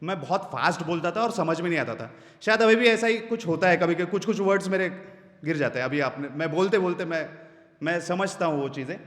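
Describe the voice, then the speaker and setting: A man running a voice-over workshop at a meetup, often acting out short example lines to show different tones. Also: fairly quick. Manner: animated, swings pitch and volume widely. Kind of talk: live workshop talk. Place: hall at a creators' meetup. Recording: echoey hall, long reverb.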